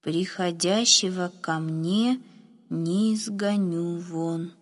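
A woman reading as a slow, thoughtful stable groom. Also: on the low side, a little mellow, long reverb tail. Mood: solemn. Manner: slow, measured reading of scripture. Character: plain-spoken adult male stable groom, slow and thoughtful. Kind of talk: storybook reading.

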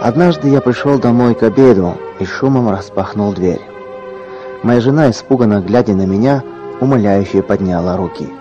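A man narrating a scripted story in an earnest, dramatic way, sometimes dropping to a hush. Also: lowish voice, normal speed, over music. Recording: dull lo-fi recording.

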